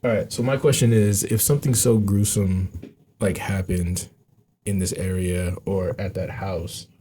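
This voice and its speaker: A man's voice: deep voice, measured pace, a little hiss or hum. A man co-hosting a podcast, chatting casually while leading questions on a ghost hunt inside a house. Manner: relaxed, chatty, leads the questions. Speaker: podcast co-host.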